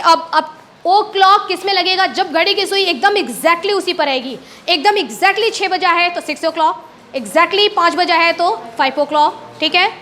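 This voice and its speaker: Lively Indian woman teacher in a classroom, very high-pitched, playful delivery. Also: a little hiss or hum. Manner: lively, playful, acts out laughs. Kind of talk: classroom lesson.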